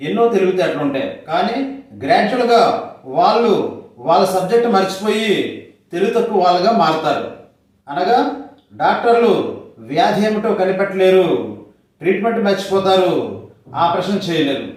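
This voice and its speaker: A man with a Telugu accent, narrating a scripted health lesson in steady, measured phrases. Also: high-pitched. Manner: steady, measured delivery in short listed phrases. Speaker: homeopathy health educator. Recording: very echoey, from far off the mic.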